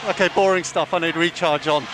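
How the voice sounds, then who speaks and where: A man's voice: fairly high pitch, steady tone, fast. A man working as a race engineer, giving instructions over race car radio. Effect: team radio. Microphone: radio headset. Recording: noisy race team radio, vehicle noise.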